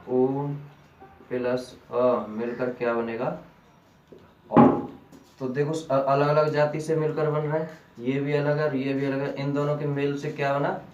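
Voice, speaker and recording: A man teaching a grammar lesson at a slow, deliberate pace, asking a question and then answering it himself. His voice reaches the mic from a distance across an echoey room, with pitch sitting in the middle for a man. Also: darkish tone, muffled recording, slight background noise. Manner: repeats key terms as questions to students.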